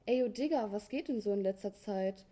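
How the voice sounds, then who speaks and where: A woman's voice: medium pitch, fairly quick, warm tone, natural voice. A woman voicing a boastful, laid-back cat talking in street slang.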